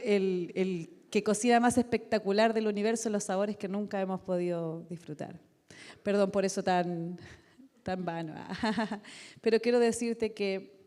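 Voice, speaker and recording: A woman's voice: a little high, a little mellow. A middle-aged woman preaching a sermon in a conversational way, asking many rhetorical questions and acting out little quotes. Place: church hall. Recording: long reverb of a large hall.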